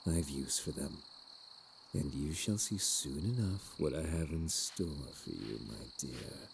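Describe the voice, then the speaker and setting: Sinister gentlemanly plague doctor , male actor: extremely low, slow, unhurried delivery, theatrical dark-fantasy audio role-play. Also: background noise. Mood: calm, commanding. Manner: archaic, theatrical wording, doting and menacing.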